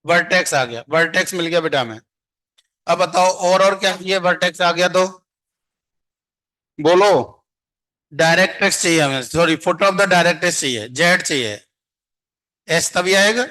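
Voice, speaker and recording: A male math teacher, his voice pitched high and bright. He talks in an unhurried, drawn-out way, coaxing his class and firing questions at them to keep them answering. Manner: coaxing, quizzes students constantly. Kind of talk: classroom lecture.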